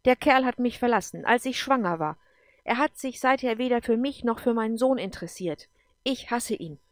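A woman's voice: mid-range voice, moderate pace, no room sound, close to an everyday voice. Woman reading an emotional female leader. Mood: bitter, sharp. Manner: heated, then apologetic and pleading.

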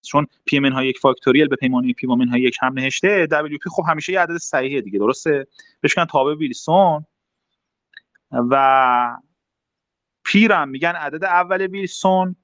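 A man's voice: a little high, fairly bright tone, no room sound. A young man explaining mathematics casually in an online group talk, step by step with frequent fillers. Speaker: math talk host.

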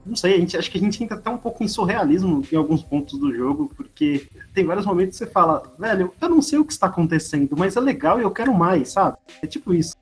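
A man's voice: high voice, expressive, quick pace, hardly any pauses, faint music behind. A Brazilian man co-hosting a podcast, chatting casually in a hesitant, informal way. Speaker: podcast co-host. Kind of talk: casual chat.

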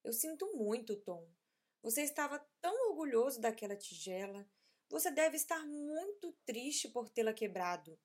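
A woman voicing a patient, gentle mother in a children's story, speaking in a soothing, coaxing way. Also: fairly high pitch, sing-song, moderate pace.

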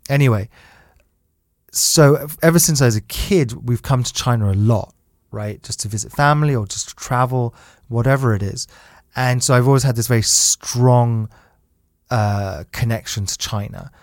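A man's voice: mid-range voice, moderate pace, no echo, clean studio sound. A man in his thirties chatting casually, laughing often and restarting his sentences. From United Kingdom. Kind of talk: casual conversation.

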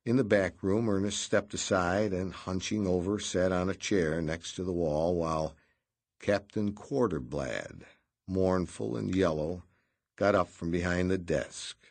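Deep, husky man reading a novel. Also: measured pace, darkish tone. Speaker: audiobook narrator. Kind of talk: scripted narration.

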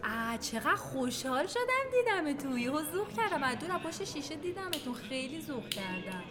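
A woman's voice: high-pitched, very animated, crowd noise. An actress playing a cheerful, tired young woman musician in a radio play. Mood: bubbly. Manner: bubbly, defensive when questioned.

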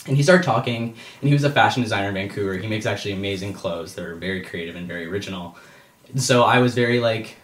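Young man, early twenties, lowish voice, rambling casual talk, echoey room. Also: fast talker, a bit bright. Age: young adult. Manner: rambling, filler-heavy. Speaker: musician guest. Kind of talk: casual chat.

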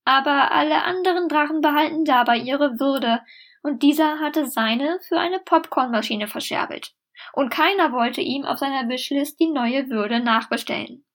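A woman's voice: high voice, moderate pace, fairly bright tone. A woman narrating a scripted, satirical fairy tale in a dry, mock-solemn way. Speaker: storyteller.

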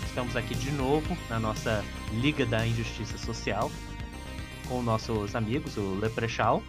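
A Brazilian man hosts a casual podcast in a voice of medium pitch. He talks informally, as in a chat among friends, with light music underneath. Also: normal speed. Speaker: podcast host.

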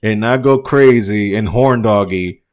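A man's voice: on the low side, a little slow. A man hosting a casual wrestling podcast, ranting with lots of swearing and some words. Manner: profane, animated ranting. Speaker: podcast host.

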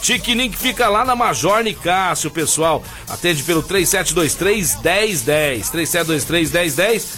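High-voiced, colloquial Brazilian radio host. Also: male voice, expressive, measured pace, few pauses, bright, forceful tone. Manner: colloquial, punchy, repeats phrases for emphasis. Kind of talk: casual live radio chat and ad reads. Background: music.

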